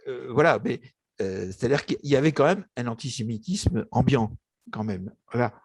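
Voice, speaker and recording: An older Egyptian man, an author being interviewed about his book, shares personal memories in a casual conversation. His medium-pitched, darkish voice is expressive and moves at a moderate pace, though he hesitates often, restarting sentences and using fillers. A slight hiss or hum sits in the recording.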